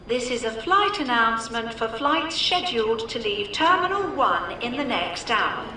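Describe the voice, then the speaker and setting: A woman playing an airport announcer, reading formal, measured, repetitive public announcements in an echoey, distant recording. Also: on the high side, sing-song, pushed and bright, heavily acted. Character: airport announcer reading flight delays and boarding calls. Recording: echoey, distant, hissy airport tannoy sound.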